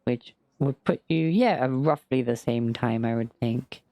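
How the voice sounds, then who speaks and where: A man's voice: mid-range voice, measured pace, mellow, no echo. A man running a tabletop game as game master, narrating casually in a rambling, jokey way.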